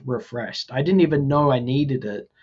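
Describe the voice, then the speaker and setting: A man's voice: mid-range voice, moderate pace, a little mellow, slightly rough, dull audio. A man of forty from Australia, talking casually as a podcast guest, thoughtful and hesitant with many ums and restarts. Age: 40s. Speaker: guest, VFX artist.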